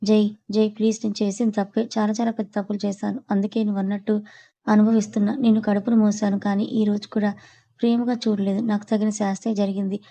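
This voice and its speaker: A woman's voice: medium pitch, little pitch movement, fast, mellow, natural voice. A woman voicing a remorseful middle-aged mother who pleads and apologizes to her family.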